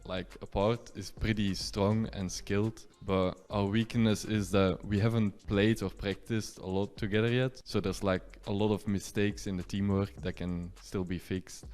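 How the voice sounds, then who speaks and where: A man in his twenties from Belgium answers interview questions as an esports player. His voice sits very low. He talks casually and sprinkles "like" through his sentences. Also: flat delivery, moderate pace, hardly any pauses, darkish tone. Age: 20s. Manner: casual, peppered with "like".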